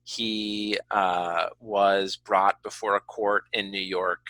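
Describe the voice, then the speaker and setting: A podcast host with a fairly low, level, sharp-toned voice speaks slowly in casual, conversational interview talk. He explains earnestly and qualifies his points as he goes, captured on a dry, low-quality recording.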